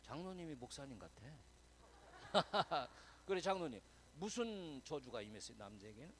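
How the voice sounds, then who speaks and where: A male pastor giving a chatty, conversational sermon, quizzing and teasing his congregation, dropping to a whisper and then swelling loud for emphasis. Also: a little high, very animated, moderate pace, a little hiss or hum, low-quality recording.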